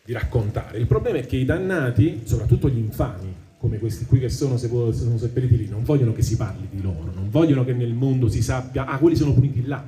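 Italian-accented man, lecture with dramatic verse reading, mellow voice, roomy hall sound. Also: mid-range voice, animated, a little hiss or hum. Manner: reads verses slowly and emphatically, then explains in casual speech. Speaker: speaker at a public talk. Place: hall at a public event.

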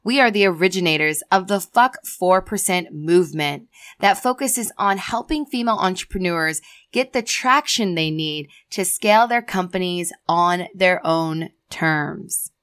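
A woman podcast host giving a brash, slangy, energetic introduction. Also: lowish voice, measured pace, smooth, no room sound, clean studio sound. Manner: brash, slangy, says y'all and honey.

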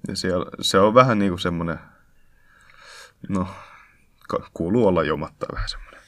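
A young man co-hosting a podcast, chatting in a relaxed way with frequent restarts. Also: low-pitched, no room sound. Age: young adult. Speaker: podcast co-host. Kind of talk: casual chat. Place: classroom.

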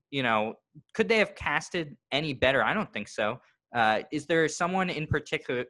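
A man's voice: medium pitch, fairly bright tone. A man co-hosting a podcast, talking in a chatty, analytical way with long run-on sentences. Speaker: podcast co-host. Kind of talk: casual podcast discussion.

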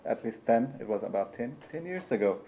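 A man's voice: medium pitch, expressive, brisk, dark tone, slight background noise. A young man from Nepal hosting an interview, talking hesitantly with many fillers. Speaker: host. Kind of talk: conversational interview.

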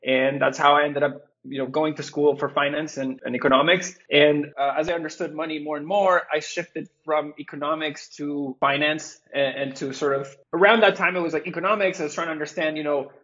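A man's voice: on the high side, steady tone, fairly quick, hardly any pauses, a bit bright. A man from Venezuela, a company co-founder, answering interview questions earnestly, with some restarts. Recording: muffled lo-fi audio.

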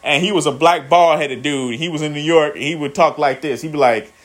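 A man's voice: fairly high pitch, moderate pace. A man in his thirties, rambling through a profane motivational vlog and calling his viewers "guys". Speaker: vlogger. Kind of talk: casual motivational monologue.

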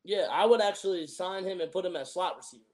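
Young guy hosting a sports pod, kinda high voice, bro-y slang, casual but big on opinions. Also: quick pace, a little mellow. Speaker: sports podcast host.

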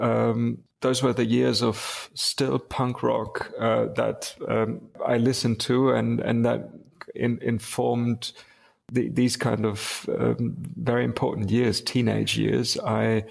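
A man in his fifties from Germany with a German accent, answering interview questions in a halting way with many restarts. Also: mid-range voice, level tone, gravelly. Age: 50s. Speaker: guest, industrial designer. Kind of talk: casual interview.

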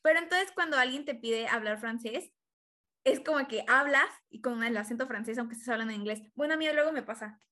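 A woman in casual chat, talkative, with quick asides and frequent laughter. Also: fairly high pitch, sharp tone.

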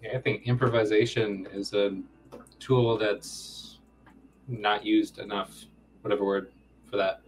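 A man's voice: fairly low pitch, flat delivery, unhurried, long pauses, soft background music. Rambling joking man around thirty. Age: 30s. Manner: rambling, self-deprecating joking. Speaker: comic co-creator, guest. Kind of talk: casual interview.

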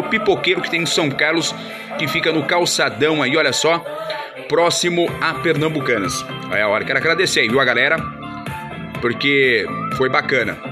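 A man hosting a casual show, slangy and full of fillers like "meu" and "mano," with sponsor shout-outs. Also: fairly high pitch. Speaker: radio-style host. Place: studio. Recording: music playing clearly behind.

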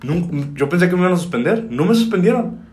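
A Mexican man in a casual chat, relaxed, asking short questions and adding his own stories. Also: high voice, quick pace. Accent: Mexican Spanish. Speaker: podcast co-host.

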